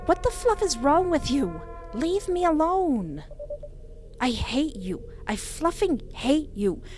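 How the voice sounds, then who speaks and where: Woman voicing distraught, sharp-tongued stalking victim over music. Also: medium pitch, animated, moderate pace, close to an everyday voice. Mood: furious, sarcastic. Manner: outraged outbursts and drained, hesitant replies.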